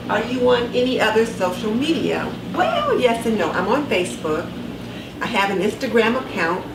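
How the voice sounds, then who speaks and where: Her voice is on the high side and sing-song, at normal speed, as this woman in her sixties chats casually to camera in her home kitchen. Dental retainers slightly impede her speech. The indoor recording is roomy, from a distant camera mic with clear background noise.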